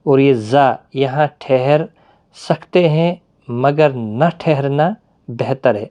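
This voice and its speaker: A man teaching a Quran reading lesson, explaining patiently with pauses and drawn-out fillers. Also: mid-range voice, mellow, muffled recording.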